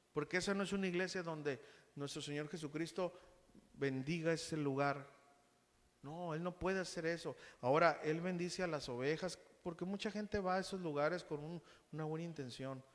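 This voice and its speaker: A man with a Mexican Spanish accent preaching a sermon as pastor, speaking conversationally and calling the congregation brothers. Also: on the high side. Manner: uses quick acted quotes of others. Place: church hall. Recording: long hall reverb.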